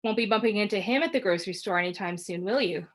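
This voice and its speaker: A woman's voice: medium pitch, fast, natural voice. A jealous, controlling father who snaps in curt, bitter lines, as a woman reads him. He sounds hard and accusing.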